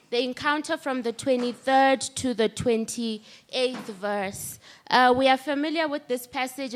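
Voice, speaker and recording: A woman leading a church service, explaining a scripture passage slowly and deliberately before introducing the speaker. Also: sits high. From South Africa. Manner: slow, deliberate, explaining step by step. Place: church hall.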